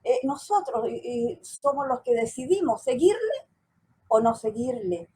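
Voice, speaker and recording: A woman's voice: sits high, sing-song, a little slow, mellow, a little hiss or hum, low-quality recording. A middle-aged woman with a Chilean accent, giving an earnest, emotional testimony as an interview guest, with many restarts. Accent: Chilean Spanish.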